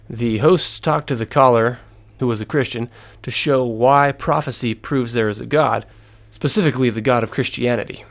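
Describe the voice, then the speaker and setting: A man giving a scripted lesson, reading in a measured, earnest way. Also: mid-range voice. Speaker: lecturer. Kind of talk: scripted narration.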